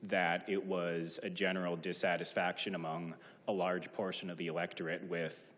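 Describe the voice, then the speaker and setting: A man with a very low voice delivers a formal public comment, short of breath as he argues his points. His prepared remarks ring out with the long reverb of a council chamber. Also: flat delivery, moderate pace, fairly bright tone. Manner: formal, argumentative. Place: large indoor council chamber. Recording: reverberant hall sound.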